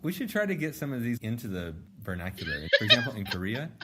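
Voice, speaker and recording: A man's voice: medium pitch, huge pitch swings, fast talker, pushed and bright. A young man co-hosting a podcast, joking in a dry, playful way. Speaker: podcast co-host. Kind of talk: casual chat. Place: Peru.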